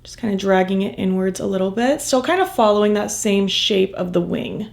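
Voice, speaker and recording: Animated and fairly quick, this makeup vlogger's medium-pitched voice is slightly croaky as she raves about the colors. She keeps the tutorial casual, murmuring softly whenever she applies product.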